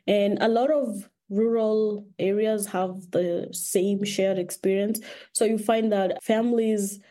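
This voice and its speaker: A woman's voice: mid-range voice, fairly even intonation, slow pace, dark tone. A woman from Kenya, a guest in a conversational interview, talking thoughtfully with frequent restarts.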